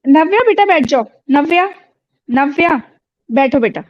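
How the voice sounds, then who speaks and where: A woman's voice: high voice, expressive, a little slow. A woman teacher addressing her class in a stern, firm way, switching between Hindi and English. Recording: dull lo-fi sound.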